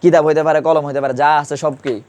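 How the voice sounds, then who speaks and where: A man's voice: fairly high pitch, level tone, fast, darkish tone. A man teaching a classroom grammar lesson, quizzing students and repeating key terms.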